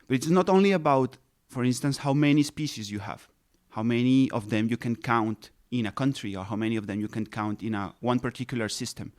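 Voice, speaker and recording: A man in his thirties who grew up in Colombia answers interview questions with patient, careful explanations. His voice sits in a middle pitch, and he often restarts a phrase or pauses on a filler before finding the word. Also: darkish tone. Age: 30s. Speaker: ecologist guest.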